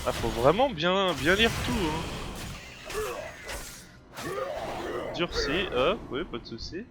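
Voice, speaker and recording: Over music, a gameplay video creator with a cold talks through a video game slowly, in a slightly high, sing-song voice. He's casual and hesitant, stumbling with fillers and restarts while puzzling over what happens. The home recording is noisy.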